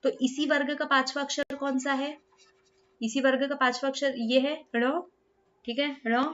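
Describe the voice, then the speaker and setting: Woman grammar teacher, fairly high voice, slightly dull lo-fi sound, keeps asking if it's clear. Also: flat delivery, measured pace, fairly bright tone. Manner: checks understanding with repeated "clear?" and "ठीक है"; mixes English words into Hindi explanation. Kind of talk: classroom explanation.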